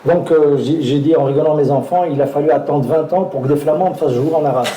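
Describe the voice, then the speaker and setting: An actor appearing as a guest tells anecdotes live on stage, hesitant and full of fillers and restarts, often laughing. His voice is on the high side, quick and mellow, with a roomy sound and poor audio.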